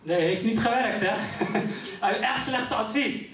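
On a community venue stage, a Dutch comedian from Rotterdam performs live stand-up in an unhurried, high male voice and Rotterdam accent, animatedly storytelling and doing voices for an audience. The mic sits at a distance in the roomy hall.

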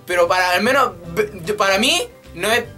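A man's voice: high voice, lively intonation, normal speed, sharp tone, soft background music. A man in his twenties with a Chilean Spanish accent, chatting animatedly on his vlog in a small room, swearing freely and joking as he rants. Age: 20s. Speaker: YouTube channel host. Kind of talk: casual vlog chat. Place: small room with a drum kit. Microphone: webcam at desk.

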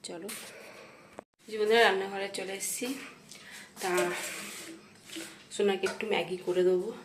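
A woman's voice: mid-range voice, fairly even intonation, normal speed. Chatty woman vlogging from her kitchen. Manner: chatty, talks straight to viewers while cooking. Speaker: home vlogger and mother. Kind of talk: casual vlog narration to viewers. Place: home kitchen indoors. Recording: clattering kitchen noise behind. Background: dishes, pots and cutlery clatter.

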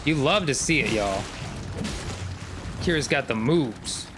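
A man's voice: medium pitch, lively intonation, slow pace, noisy background. A man streaming a video game, commenting casually, swearing often and bursting into sudden screams. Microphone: desk microphone.

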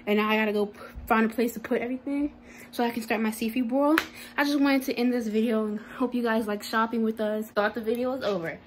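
A woman's voice: a little high, fairly even intonation, fast talker. Young female vlogger, casual and slangy, phone mic, slight background noise. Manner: chatty, playful, slangy. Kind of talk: casual vlog chat. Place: car, store, then bedroom at home. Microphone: phone camera held close.

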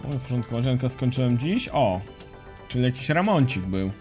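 A man's voice: mid-range voice, brisk. Laid-back male game streamer, chatting. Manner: relaxed, chatty, slangy, greets viewers by name. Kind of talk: casual live commentary while playing and reading chat. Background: faint music and keyboard typing.

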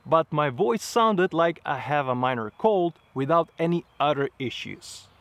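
Standing outdoors before trees, a travel vlogger in his thirties speaks straight to camera about his experience. His voice is fairly high, and he explains earnestly and measuredly, with slightly unusual phrasing.

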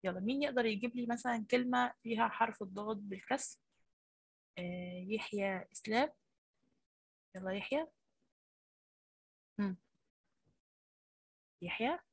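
Her voice a little husky and her accent Egyptian Arabic, a woman teaching primary school online encourages and praises young children. She speaks at medium pitch with a measured pace and long pauses, and there's no room sound.

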